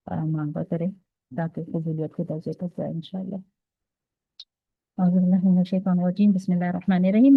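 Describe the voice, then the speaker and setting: A woman's voice: on the low side, no echo, narrow, tinny audio. Patient woman teaching Quran recitation. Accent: Pakistani Urdu. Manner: patient, explains step by step with frequent "theek hai?" checks. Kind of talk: online class lecture.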